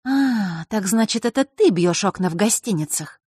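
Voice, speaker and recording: An audiobook reader voicing a sharp-tongued young girl who answers with snide, cold retorts. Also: medium pitch, animated, moderate pace, husky, dry recording, studio quality, voice pushed up. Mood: mocking.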